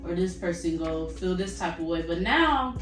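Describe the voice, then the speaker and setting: A woman's voice: fairly low pitch, expressive, moderate pace. A woman chatting candidly and casually, with a frank, emphatic, colloquial way of talking. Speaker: vlog co-host. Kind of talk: casual candid chat between sisters. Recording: echoey room, distant mic, music underneath. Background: background music.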